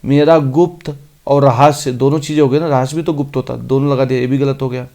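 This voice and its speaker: A man teaching an exam-prep grammar lesson, reading each sentence out slowly and then explaining it briskly. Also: mid-range voice, fairly even intonation, mellow. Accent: Hindi.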